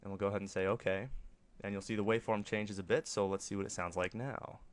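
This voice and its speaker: A man presenting a casual, offhand software tutorial as a voice-over to a screen recording. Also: fairly low pitch, fairly even intonation, quick pace. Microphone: close microphone, voice-over for screen capture.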